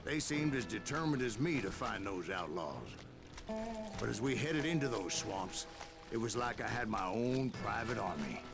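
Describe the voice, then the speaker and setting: A man's voice: on the low side, animated, normal speed. An actor voicing a grizzled old gunslinger who narrates his past, in a drawling storyteller manner, as game narration. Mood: reminiscing. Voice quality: gravelly. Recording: game audio under loud music.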